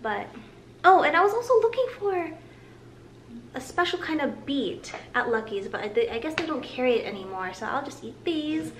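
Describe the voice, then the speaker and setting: Her voice high and sing-song at a moderate pace, a vlogger in her thirties casually presents her groceries from her living room on camera. She's chatty and cheerful, drawing out certain words, and the home recording sounds roomy with a hiss underneath.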